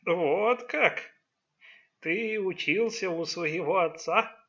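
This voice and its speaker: A man voicing a sly, calm old grandfather who speaks slowly and knowingly. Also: sits high, lo-fi sound, voice pushed up, heavily acted. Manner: slow, measured, knowing.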